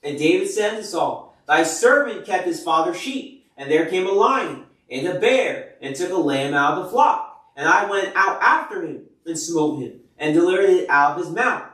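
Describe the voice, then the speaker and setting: Recorded from far off the mic in an echoey room, a man with a high, animated, slightly bright voice reads Bible passages aloud at normal speed. He then retells them loosely and casually, packing in fillers like "like" and "you know."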